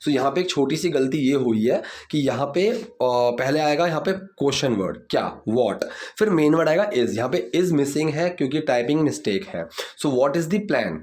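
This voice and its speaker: A man teaching English grammar, slowly reading out example sentences. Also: medium pitch, expressive, darkish tone. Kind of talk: explaining grammar from movie subtitles.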